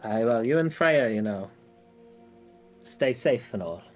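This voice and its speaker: A man chats casually as a player in a tabletop role-play. His voice sits at an average male pitch, with faint music behind it. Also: animated, a little slow.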